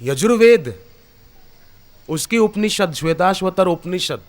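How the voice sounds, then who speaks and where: A male preacher with a fairly high voice delivers a devotional discourse to a gathered audience. He tells scripture stories and weaves in quoted verses. His voice climbs higher and louder when he stresses a point. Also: lively intonation, unhurried. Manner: storytelling with scriptural quotes, rising emphatic delivery. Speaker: spiritual preacher. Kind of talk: Hindi satsang discourse. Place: discourse hall before an audience.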